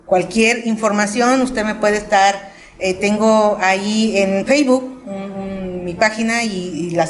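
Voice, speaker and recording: A woman with a Mexican accent giving a missionary testimony in church, telling her stories in a lively way and acting out what people said. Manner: animated storytelling, acting out quotes in a high voice. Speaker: missionary speaker.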